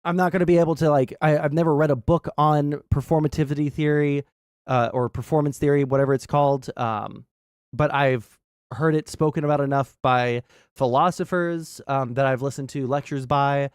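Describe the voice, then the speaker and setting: This livestream host has a voice on the high side, steady and resonant, captured clean in a dry studio recording. Hosting a laid-back gaming stream, he wanders through his points in a blunt, profane way, stumbling a bit and tossing in "right?" constantly.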